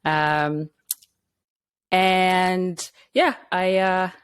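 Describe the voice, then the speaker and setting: Podcast guest, a woman from Zimbabwe, warm and chatty, slightly worn out, lower pitch. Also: steady tone, extremely slow, clear, resonant tone. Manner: friendly, chatty, laughs easily. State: a little tired. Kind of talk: casual interview chat.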